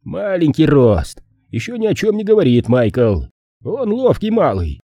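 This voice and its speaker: A man's voice: a little high, wildly swooping pitch, a little slow, dark tone, slightly rough, no room sound, studio quality, voice pushed up, full character voice. A man voicing a heavyset male police chief who scolds and breaks up quarrels, in an audiobook reading. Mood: sour, scolding. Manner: exasperated, scolding.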